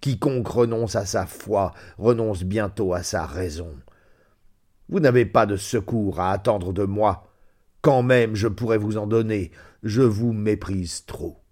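A man voicing a cold, scornful stranger who speaks slowly and mockingly in a storybook reading. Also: lowish voice, darkish tone.

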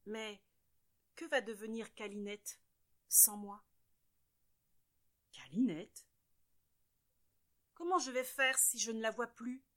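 A secretive little storybook girl close to tears, soft and plaintive, speaking slowly, as a woman storyteller puts her on. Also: a little high.

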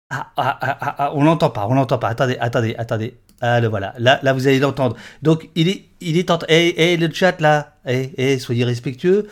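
A man hosting a casual live stream, stammering and repeating his words in quick bursts. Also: mid-range voice. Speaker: livestream host.

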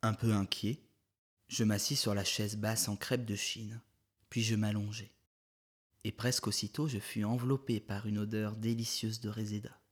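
A man narrating a short story in a measured, even literary reading. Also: on the low side, slightly rough.

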